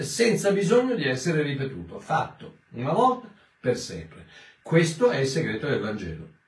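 Man preaching in an echoey room. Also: medium pitch. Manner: explains scripture in a conversational, emphatic way. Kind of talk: Bible teaching sermon. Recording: echoey room, mic at a distance.

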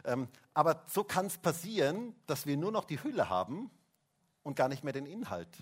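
Higher-voiced preacher, chatty with kids. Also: male voice, big pitch swings, moderate pace, slightly rough. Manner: chatty, asks the children questions, tag "hä?". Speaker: pastor. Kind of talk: Christmas sermon. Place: church service, also livestreamed.

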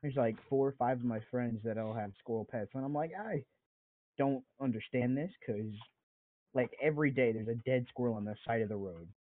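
A man's voice: medium pitch, fairly quick. A man with an ordinary mid-range voice who jokes easily and throws in "bro". He talks casually with friends. His voice arrives through a thin, phone-like online voice chat. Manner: joking, laughs easily, says bro. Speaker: podcast co-host. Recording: tinny voice chat line.

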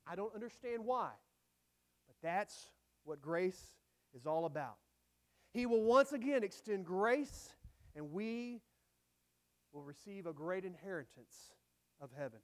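A male pastor with a notably high voice delivers an earnest sermon. He leans hard into some phrases and lets others sink quietly at their ends. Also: lively intonation, unhurried, pauses often. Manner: earnest, swinging between emphatic lines and soft, dropped phrase endings.

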